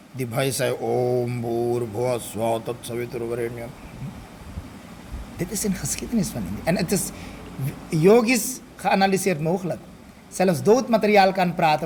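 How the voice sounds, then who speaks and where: A man's voice: a little high, darkish tone, a little hiss or hum. A man, a swami, leading a scripture study group, explaining and often checking in with his listeners, slipping Hindi and Sanskrit phrases into his talk.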